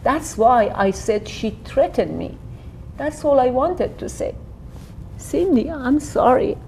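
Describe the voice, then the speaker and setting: An actress playing an earnest immigrant mother who pleads her own case in a courtroom drama, speaking deliberately. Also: high voice, animated, vocal fry, mellow, slight background noise, heavily acted, poor audio. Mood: pleading. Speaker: actor playing a defendant. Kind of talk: acted courtroom drama dialogue.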